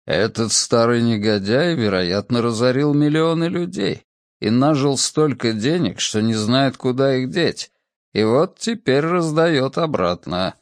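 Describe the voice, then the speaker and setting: A man's voice: mid-range voice, lively intonation, a little slow, no room sound, clean studio sound. A man voicing a politician muttering sardonic remarks. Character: sardonic male member of parliament.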